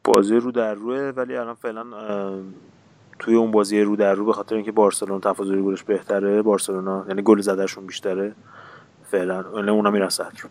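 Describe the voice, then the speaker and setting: Lower-voiced male podcast co-host, relaxed and hesitant, gropes for words as he talks football. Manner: hesitant, searching for words with many fillers. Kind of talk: casual football chat.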